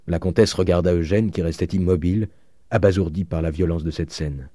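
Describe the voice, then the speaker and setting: A man narrating an audiobook in a measured, grave reading. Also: low-pitched, fairly even intonation, warm tone, dry recording, studio quality.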